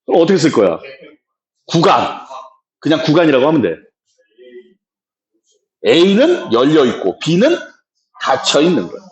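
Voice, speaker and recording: A man's voice: on the high side, huge pitch swings, a little slow, pauses often. Guy teaching math, voice jumps all over the place, kinda brusque, echoey classroom. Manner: brusque, checks for understanding. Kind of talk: lecture. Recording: echoey room.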